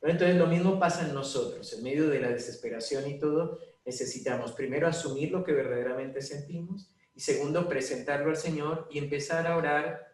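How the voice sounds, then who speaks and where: A man's voice: a little high, brisk, hardly any pauses, a little mellow. A man giving an informal spiritual talk to seminarians, conversational and full of anecdotes and quoted prayers. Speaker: priest or formator of seminarians. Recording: echoey room, voice a bit far from the mic.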